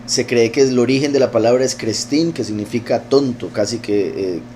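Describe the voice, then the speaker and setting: A man of middling pitch gives a relaxed, conversational scripture lesson to a congregation. He reads aloud from a text and often stops to comment, hesitating and circling back as he goes. A faint hum runs underneath. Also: normal speed. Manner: reads a text aloud, then breaks off to explain it; informal and digressive, with frequent hesitations. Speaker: congregation teacher.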